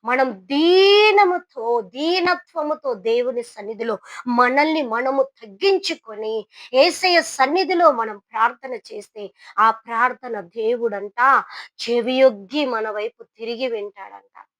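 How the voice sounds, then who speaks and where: A woman preacher from India tells a sermon parable with emphatic swings from loud to hushed. Her voice is high. The sound is close and dry, with no room echo. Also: measured pace. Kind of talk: sermon storytelling.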